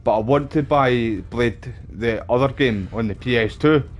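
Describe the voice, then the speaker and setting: A man's voice: medium pitch, unhurried, soft background music. A man with a Glasgow street accent giving casual, rambling gameplay commentary, full of cheeky slang and swearing. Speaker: gaming streamer.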